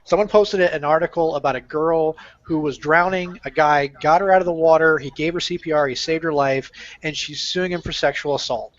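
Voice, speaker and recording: A man in his thirties with a high-pitched voice tells crude stories with a lot of energy. The recording sounds dull and lo-fi, like a home podcast setup. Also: brisk, background noise. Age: 30s. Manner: animated, crude joking storyteller. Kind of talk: casual chat, storytelling.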